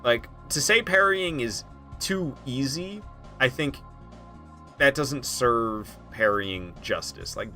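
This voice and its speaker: A man's voice: medium pitch, lively intonation, takes it slowly, bright, forceful tone, soft background music. A man casually commenting while playing a game on a live stream, rambling and laughing, talking to his chat. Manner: chatty, rambling, laughs often, talks to chat.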